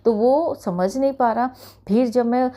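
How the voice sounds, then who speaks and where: This middle-aged woman speaks on the high side, unhurried and warm, as she earnestly recounts a personal experience at satsang. Her testimony often includes respectful address to her listeners.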